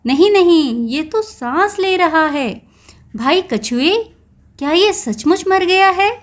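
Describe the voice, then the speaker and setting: A woman's voice: high voice, very animated, slow pace, heavily acted. A woman voicing a clever, wary male jackal in a children's story, sounding sly and suspicious.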